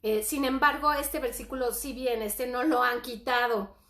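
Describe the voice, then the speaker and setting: Woman, middle-aged, high voice, earnest parenting teacher, echoey room. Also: normal speed. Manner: earnest, animated, reads scripture aloud. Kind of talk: informal Bible-based parenting talk.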